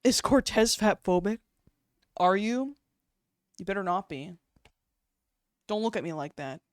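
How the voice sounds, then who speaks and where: A woman's voice: mid-range voice, expressive, unhurried, no room sound, clean studio sound. Giggly young woman streamer chatting. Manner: chatty, giggly, swears casually. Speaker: streamer and artist. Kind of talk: casual live-stream chat while drawing.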